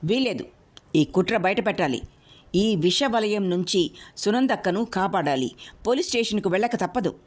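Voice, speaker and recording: A woman's voice: medium pitch, animated, normal speed, lightly acted. A woman voicing an outspoken young woman who accuses and scolds a man, in a storybook reading. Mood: angry.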